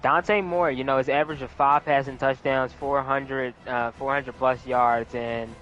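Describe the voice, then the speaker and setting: A man's voice: mid-range voice, unhurried. Laid-back male color commentator, lo-fi. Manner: relaxed, rambling analysis with fillers.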